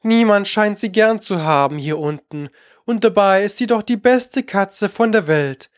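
A reader voicing a polite, curious young girl, eager and quick to apologise. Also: mid-range voice, expressive, dry recording, clean studio sound, pitched above the performer's own voice, close to an everyday voice. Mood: sad.

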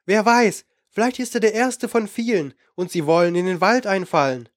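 Scared young girl mage, high voice, asks anxious stuff , guy reading does her. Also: moderate pace, no room sound, clean studio sound, close to an everyday voice. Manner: anxious, eager, breathless questions.

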